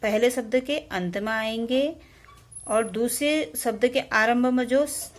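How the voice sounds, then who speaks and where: A woman teaching a grammar lesson, explaining rules step by step and correcting herself as she goes. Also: a little high. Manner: slow, deliberate explanation with self-corrections.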